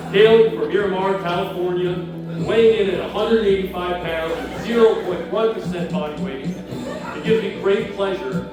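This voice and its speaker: A man's voice: high voice, moderate pace. A man giving a pompous, tongue-in-cheek introduction of a fellow rugby alumnus. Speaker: presenter introducing an inductee. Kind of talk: mock-grand introduction. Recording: echoey hall from far off, with music.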